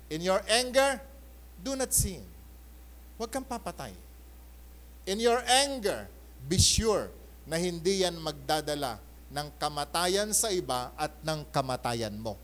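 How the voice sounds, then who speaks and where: During a Sunday church service, a male pastor preaches in a mix of Tagalog and English. Animated, he often calls for an amen and shifts between loud bursts and soft asides, his voice a little high.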